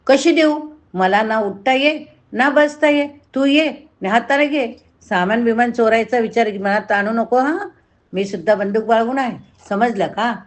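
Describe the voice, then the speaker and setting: A woman's voice: measured pace, natural voice. A woman voicing a frail, lonely old widow who pleads and complains in a raised, plaintive voice. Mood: pleading, wary. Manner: plaintive, pleading, bursts higher in pitch.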